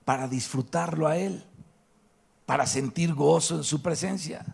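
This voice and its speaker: A man's voice: on the high side, unhurried, creaky, darkish tone, breathy edge. A man with a Mexican Spanish accent preaching a sermon to his congregation, emphatic and asking rhetorical questions. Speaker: pastor. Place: church hall.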